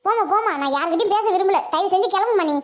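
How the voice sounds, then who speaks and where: A performer voicing a fierce, quick-tempered village mother in a cartoon, talking in a sharp, scolding, indignant way. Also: very high-pitched, expressive. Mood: angry. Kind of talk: cartoon voice acting.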